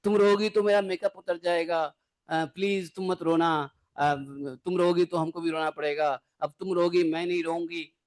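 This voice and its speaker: A man's voice: sits high, little pitch movement, normal speed, no room sound, clean studio sound, close to an everyday voice. A man imitating a young modern daughter who pleads with her mother in a lightly mocking tone. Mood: pleading.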